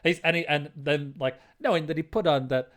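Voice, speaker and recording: A man's voice: on the high side, steady tone, fairly quick. A man co-hosting a podcast, chatting casually about a film, stumbling and restarting often and humming tunes aloud. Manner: hesitant, many restarts, hums tunes aloud. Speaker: podcast co-host.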